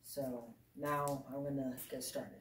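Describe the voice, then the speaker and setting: A man's voice: mid-range voice, little pitch movement, slow. A teenage male speaking earnestly to camera in a living room, a few steps from the mic. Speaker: push-up challenge participant. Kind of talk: earnest talk to camera and spoken prayer. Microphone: camera a few steps away. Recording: roomy, distant mic, faint noise.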